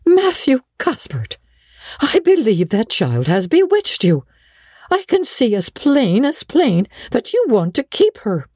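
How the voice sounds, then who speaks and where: A woman's voice: fairly low pitch, big pitch swings, moderate pace, dark tone, breathy edge, no room sound, clean studio sound, voice pushed up. A woman voicing a stern, exasperated middle-aged farm woman in an audiobook, with curt, emphatic scolding. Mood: indignant. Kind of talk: audiobook character acting.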